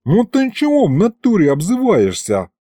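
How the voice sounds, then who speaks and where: A man's voice: high-pitched, wildly swooping pitch, a little slow, a little mellow, breathy edge, dry recording, clean studio sound, voice pushed up, full character voice. A man voicing a streetwise male imp with hooves and a pig snout who talks in slang and fawns over his boss. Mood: cocky.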